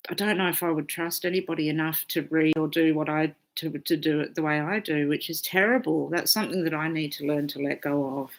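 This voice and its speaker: A woman's voice: low voice, steady tone, brisk, hardly any pauses. A woman astrologer hosting a casual live stream, chatting freely, swearing often and reading out viewer comments.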